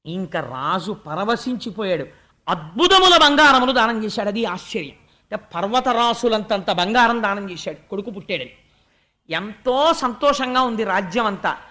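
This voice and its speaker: Devotional storyteller, sermon-style discourse, animated, loud emphasis and hushed asides, slow chanted verses. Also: medium pitch. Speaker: religious storyteller.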